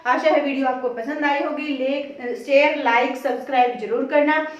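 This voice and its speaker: A woman's voice: sits high, steady tone, normal speed, dull audio. A woman teaching a grammar lesson, posing questions to her students and answering them herself, repeating the key words. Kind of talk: classroom-style lesson. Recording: very echoey room, voice from a distance.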